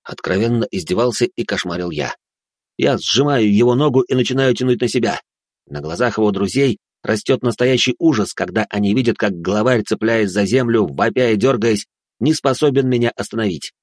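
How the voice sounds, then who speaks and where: A man narrating a first-person fantasy audiobook in a steady, dramatic reading style. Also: fairly low pitch, fairly quick, dry recording, clean studio sound.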